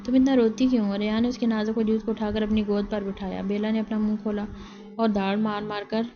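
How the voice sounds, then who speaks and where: A woman narrating a novel in a steady, scripted storytelling manner. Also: mid-range voice. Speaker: audiobook narrator. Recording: slightly dull lo-fi recording.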